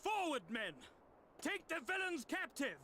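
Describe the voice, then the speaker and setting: An actor playing a blustering, high-strung military officer in a video game, barking at his troops. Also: big pitch swings, unhurried, bright, forceful tone, slight background noise, heavily acted. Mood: angry, commanding. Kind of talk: video game cutscene acting.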